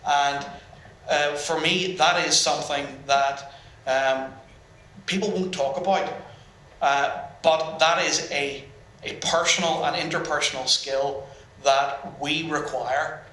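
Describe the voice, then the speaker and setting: Speaking slowly in a high-leaning, steady voice, this man sounds bright and forceful as he sits on a business panel. His delivery is halting, full of restarts and frequent ums. The audience-filled event room gives the recording a roomy, hall-like sound.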